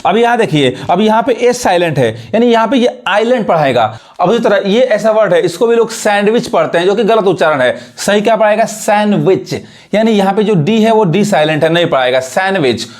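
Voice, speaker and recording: High-voiced man teaching English. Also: expressive, fast talker. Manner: repeats words and asks rhetorical questions. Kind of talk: explanatory teaching.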